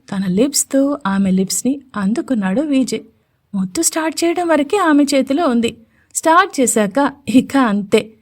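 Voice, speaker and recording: A woman narrating a romantic audio story in an expressive, emotive storybook reading. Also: a little high.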